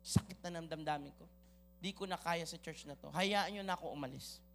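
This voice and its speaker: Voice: medium pitch, a little fast, creaky, soft background music, voice pushed down, lightly acted. A preacher voicing a hurt, weary church member who wants to leave, speaking in a subdued, pleading way.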